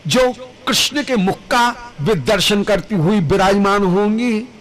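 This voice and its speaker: A male devotional storyteller preaching a sermon, chanting Sanskrit verses with drawn-out, emotive phrasing. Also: high voice, a bit bright, poor audio.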